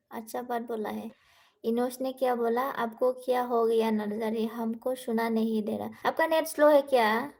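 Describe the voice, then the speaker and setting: A young woman chats on a live stream, reading out viewer comments and answering each one in turn. Her voice sits a little high and stays soft, and she switches easily between languages. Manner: speaking softly, says she cannot talk louder.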